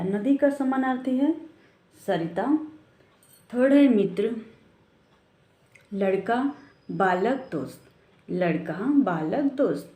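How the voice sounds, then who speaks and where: A woman's voice: mid-range voice, warm tone. A woman school teacher explaining a textbook lesson patiently, step by step, asking her class questions and mixing in English words. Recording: echoey room.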